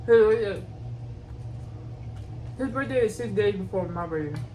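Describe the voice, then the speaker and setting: A woman's voice: medium pitch, animated, a little slow. A woman chatting casually and informally in a playful, teasing way as she hosts a question game. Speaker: host of a couple's mukbang question game. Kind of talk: casual chat. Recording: distant mic, clearly noisy background.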